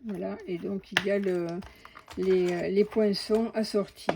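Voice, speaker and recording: A woman chatting through an unboxing of craft supplies, slow and hesitant with many fillers and restarts. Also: mid-range voice, steady tone, gravelly, noisy background. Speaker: crafting vlogger. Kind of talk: casual unboxing commentary.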